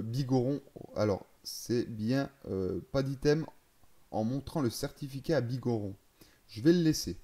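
A gaming video creator with a dark, mid-range voice casually walks through a game's settings. He thinks aloud, hesitating and correcting himself along the way.

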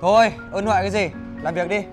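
A man's voice: high-pitched, steady tone, brisk, over music, lightly acted. A man playing a bossy, hot-tempered young shop owner, with blustering, stammering threats, over crowd noise. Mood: gruff. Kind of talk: comedy sketch acting.

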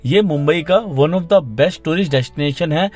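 A man's voice: on the high side, slow pace, darkish tone, soft background music. A man giving a scripted, informative tour-guide voice-over for a travel vlog. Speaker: travel vlogger.

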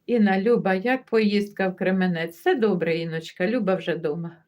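Speaking at medium pitch and a moderate pace, a woman runs a livestream, chatting casually. One after another, she greets viewers by name and reads their comments aloud, staying easygoing and laughing as she goes.

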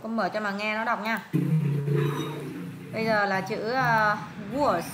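A woman's voice: mid-range voice, steady tone, unhurried, roomy sound, over loud music. A woman with a Vietnamese accent tutoring a student one-on-one in English pronunciation, patiently repeating words and prompting answers.

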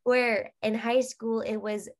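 A woman's voice: fairly high pitch, little pitch movement, slow. Chatty young woman on a video call. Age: young adult. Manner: chatty, earnest, digresses. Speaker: guest singer. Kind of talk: casual video-call interview. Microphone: laptop webcam on video call.

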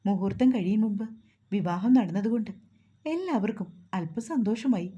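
A woman narrating a dramatic family story in a steady storytelling manner. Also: mid-range voice, moderate pace, breathy edge.

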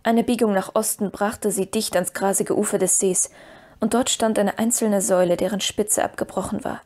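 A woman reading a fantasy novel aloud in an even, measured narration. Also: mid-range voice. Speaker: audiobook narrator. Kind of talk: scripted storybook narration.

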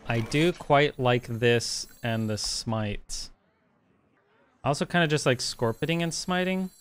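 A man calmly commentating his own card game, his voice sitting at an ordinary middle pitch. He thinks aloud in a loose, unhurried way, dropping fillers as he weighs each move, with a faint hiss of noise behind him. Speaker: streamer playing a card game. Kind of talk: casual gameplay commentary.

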